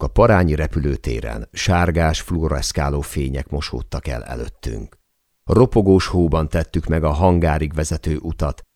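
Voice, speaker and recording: Give me a man with a very low voice, reading an audiobook in a measured, deliberate way. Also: vocal fry, darkish tone, dry recording, clean studio sound. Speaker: audiobook narrator. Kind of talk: scripted audiobook narration.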